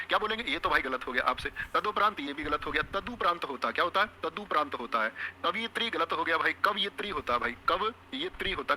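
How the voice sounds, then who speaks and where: Fast, bright-voiced man drilling students. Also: fairly high pitch, slight background noise. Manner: drills students with repeated questions and answers; addresses listeners as friends and brothers. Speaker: Hindi teacher. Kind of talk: exam coaching lesson.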